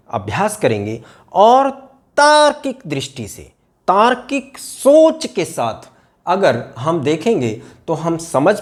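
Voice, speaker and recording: A man giving a pronunciation lesson in formal Hindi, speaking slowly and repeating sounds and words for emphasis. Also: on the high side. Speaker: Hindi teacher.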